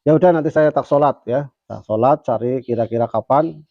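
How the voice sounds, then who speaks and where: A man voicing a wise old male Islamic teacher who gently coaxes his student. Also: medium pitch, fairly quick, gravelly, no room sound, muffled recording, pitched above the performer's own voice, lightly acted. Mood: advising. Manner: gentle coaxing questions.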